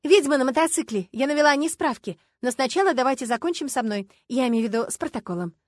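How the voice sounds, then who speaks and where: A woman reading an excitable, indignant young woman driver in an audiobook, speaking high and loud. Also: quick pace, no room sound, clean studio sound. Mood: eager.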